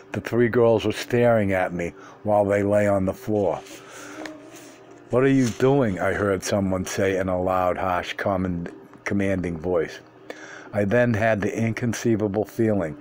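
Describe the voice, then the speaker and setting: A man reading a first-person story aloud, unhurried, sometimes stumbling and restarting words. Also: lowish voice, darkish tone. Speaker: reader.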